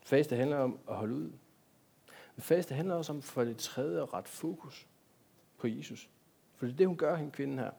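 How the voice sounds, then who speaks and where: Husky man preaching. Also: medium pitch, pauses often, warm tone. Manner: conversational preaching with rhetorical questions to the congregation. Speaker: pastor. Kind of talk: sermon.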